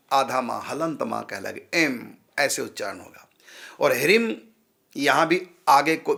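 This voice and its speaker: A man's voice: mid-range voice, gravelly, pushed and bright. A man, a spiritual teacher, patiently explaining how to pronounce mantra syllables and repeating sounds to drill them.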